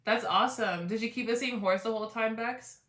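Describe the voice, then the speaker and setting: A woman's voice: on the high side, fairly quick, fairly bright tone, reverberant. A woman in her twenties hosting a casual livestream, chatty and rambling, greeting viewers by name. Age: 20s. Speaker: livestream host. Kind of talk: casual live chat with viewers.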